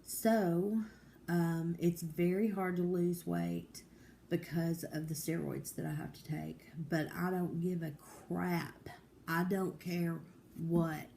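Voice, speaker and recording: A woman's voice: on the low side, slow, gravelly, dark tone, a little hiss or hum. A woman, talking candidly and determinedly in a casual home vlog, rambling with many fillers. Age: 40s. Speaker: vlogger.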